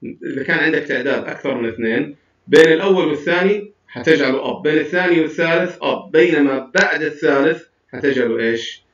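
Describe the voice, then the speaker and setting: A man's voice: on the high side, a bit bright, distant mic. Man teaching English, heard from off-mic. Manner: explains in a mix of Arabic and English with counted pauses. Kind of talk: recorded classroom lesson. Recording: dull, roomy sound from off-mic.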